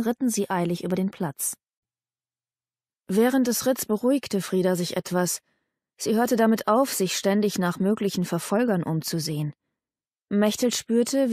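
Female audiobook narrator, steady storytelling, mid pitch, dry close mic. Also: dry recording.

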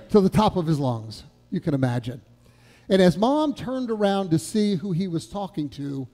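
A male pastor with a high, mellow voice preaches in a church sanctuary with long reverb. He tells a story earnestly and puts questions to the congregation.

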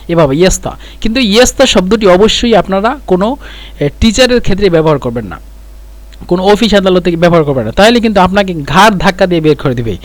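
A middle-aged man teaching spoken Arabic phrases, repeating each one slowly and explaining it word by word. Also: sits high, dry recording. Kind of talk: spoken language lesson.

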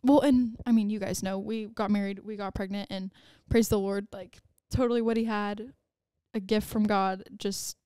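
A woman's voice: medium pitch, fairly even intonation, moderate pace, few pauses, dark tone, clean tone, dry recording, clean studio sound. A pregnant woman in her twenties co-hosting a casual podcast chat, rambling and giggling with lots of "like"s. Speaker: podcast co-host.

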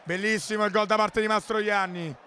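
A man giving excited, breathless live futsal commentary, shouting out plays and repeating his exclamations. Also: sits high, normal speed. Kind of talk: live sports play-by-play commentary. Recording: noisy indoor sports hall.

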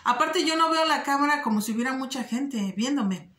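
A woman talking earnestly and directly to her viewers in a casual vlog, often pausing on fillers. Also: high-pitched, lively intonation, fairly bright tone, echoey room. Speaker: vlogger giving advice. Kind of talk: casual direct-to-camera talk.

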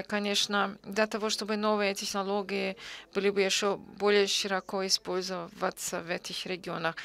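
A woman giving simultaneous conference interpretation, halting, with frequent pauses and self-corrections. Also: medium pitch, creaky, fairly bright tone.

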